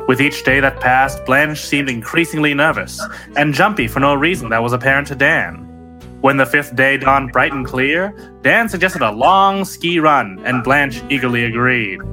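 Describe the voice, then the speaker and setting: A man's voice: mid-range voice, normal speed, pushed and bright, soft background music. A man narrating dramatically as an old radio announcer.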